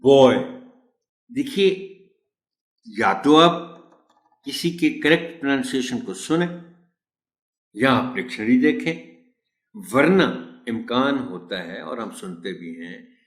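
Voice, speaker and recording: Male instructor teaching pronunciation, unhurried and animated in pitch, recorded in a reverberant room. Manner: slow, deliberate, repeats example words with stress. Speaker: teacher trainer. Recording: roomy echo.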